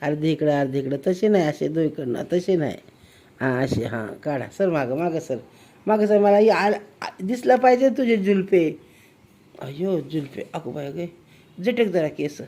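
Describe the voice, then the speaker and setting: A woman's voice: deep voice, expressive, normal speed, warm tone. A woman filming a home video on a handheld phone, coaxing and teasing a child, with frequent exclamations. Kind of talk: casual home video chat.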